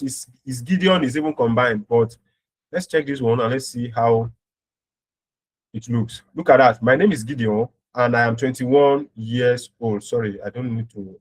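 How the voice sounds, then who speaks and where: A man with a mid-range voice teaches an informal, step-by-step programming tutorial, frequently checking in with short tag words as he explains. The audio quality is poor.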